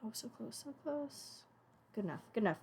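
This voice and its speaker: A woman's voice: on the high side, lively intonation, a little fast, a little mellow, husky. A young woman streaming as she animates a puppet, chatting casually and muttering to herself as she works. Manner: rambling, talks to herself and chat, mutters. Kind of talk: casual live-stream chat while animating.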